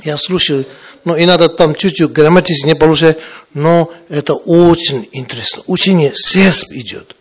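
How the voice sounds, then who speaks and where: A man with a foreign accent, not a native Russian speaker, giving a Buddhist teaching in halting, broken Russian and often checking that listeners understand. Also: fairly high pitch, breathy edge. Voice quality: broken Russian with wrong grammatical endings. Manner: halting, repetitive, often checking understanding with short tag questions. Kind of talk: spiritual teaching talk to students.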